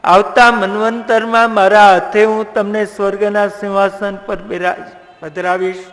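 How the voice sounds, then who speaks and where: Gravelly, slow male religious storyteller. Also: high voice, level tone, a bit bright. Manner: dramatic, half-sung narration. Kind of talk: devotional story sermon. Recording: echoey hall reverb.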